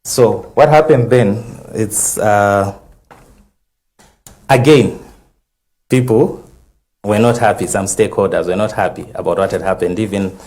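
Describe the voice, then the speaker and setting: A man with a Zambian English accent, speaking as legal counsel on a TV panel and methodically recounting a timeline with many pauses and fillers. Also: on the low side, a little mellow. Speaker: legal counsel for a conservation group. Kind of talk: studio TV panel discussion.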